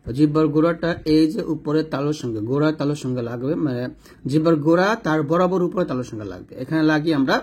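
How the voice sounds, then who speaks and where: A man teaching Quran recitation step by step, slowly sounding out Arabic letters and explaining how each is pronounced while pointing at a diagram. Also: fairly high pitch, a little mellow, breathy edge.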